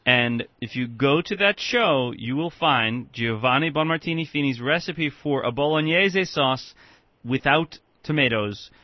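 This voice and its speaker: A man's voice: mid-range voice, expressive, unhurried, no room sound. A man with an American accent hosting a casual radio interview. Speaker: radio show host. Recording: dull lo-fi radio sound.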